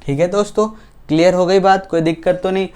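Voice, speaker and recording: A man teaching English grammar in an online lesson, speaking slowly and deliberately, asking questions and answering them himself. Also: sits high, steady tone, darkish tone, clear, resonant tone. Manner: slow, deliberate, asks and answers his own questions; spells out English example sentences word by word.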